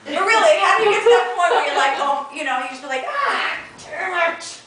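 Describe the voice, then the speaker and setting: A woman's voice: high voice, animated, rapid-fire, a loud crowd. A woman, performing a chatty, self-mocking stand-up set and laughing at her own jokes. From Long Island, New York. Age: 40s. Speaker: stand-up comedian. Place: comedy club stage. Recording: very echoey room, distant mic, noisy.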